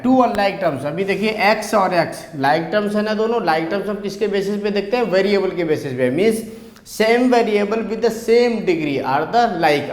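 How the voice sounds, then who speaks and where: A man with an Indian accent teaching a maths lesson, moving between slow, dictated definitions and quicker explanations. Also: high-pitched, roomy sound.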